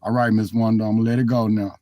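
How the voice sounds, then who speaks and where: A male streamer in a cold car races through a rambling, heartfelt apology aimed straight at his chat. His voice is low and dark with little pitch movement, and the phone mic is echo-free and dry.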